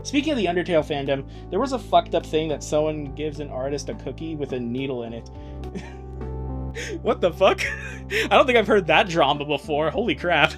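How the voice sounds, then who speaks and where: With music in the background, a man streams casually while reading a fan comic aloud, giggling, joking, often bursting into laughter and mildly swearing as he comments. His voice is a little high with big pitch swings, at normal speed.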